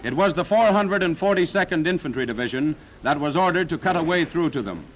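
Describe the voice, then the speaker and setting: A man's voice: on the high side, lively intonation, brisk, a little hiss or hum, poor audio. A man narrating a 1940s wartime newsreel in a dramatic, solemn, declaiming manner.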